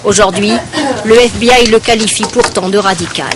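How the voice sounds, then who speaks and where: A woman narrating a television news report in a clear, steady voice. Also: medium pitch, normal speed, a crowd in the background.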